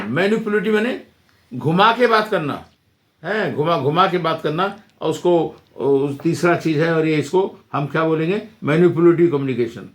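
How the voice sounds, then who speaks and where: A man, an advocate teaching about communication in a halting, repetitive explanatory way. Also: a little high. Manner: halting, repeats words and restarts often. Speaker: advocate giving a legal lesson. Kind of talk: informal explanatory talk.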